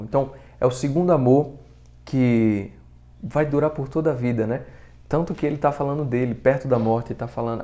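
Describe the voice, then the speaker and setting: A man's voice: medium pitch, darkish tone. A man with a Brazilian accent, hosting a literature podcast, casually retelling a novel's plot in colloquial speech with some swearing. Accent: Brazilian Portuguese. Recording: dull, muffled lo-fi recording.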